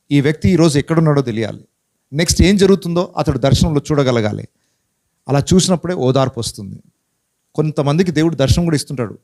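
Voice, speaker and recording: A pastor preaching a Bible-teaching sermon in a conversational way, asking many rhetorical questions and mixing in English words. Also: male voice, on the high side, a little mellow. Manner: mixes English words into his speech.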